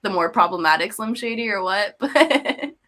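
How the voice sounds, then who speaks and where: Bright-voiced woman in her twenties, chatty. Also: medium pitch, moderate pace. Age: 20s. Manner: chatty and expressive, frequent "like". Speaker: guest musician. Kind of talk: casual interview chat.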